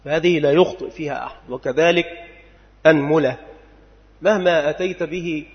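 A man teaching a classical religious text, going slowly and deliberately and spelling out word forms one by one. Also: on the high side. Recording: lo-fi recording with long hall reverb.

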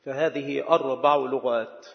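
A man delivering a sermon in a measured, dictating manner, slowly repeating words as if for note-taking. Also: medium pitch, fairly even intonation, vocal fry. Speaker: preacher. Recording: dull echoing hall sound.

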